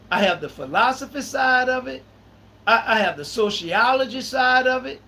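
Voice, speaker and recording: A man in his thirties hosts a live podcast in loose, conversational talk. His voice sits unusually high and bright, and he drives points home by repeating phrases. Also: vocal fry, rough recording. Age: 30s. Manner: emphatic, repeats phrases for stress. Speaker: podcast host.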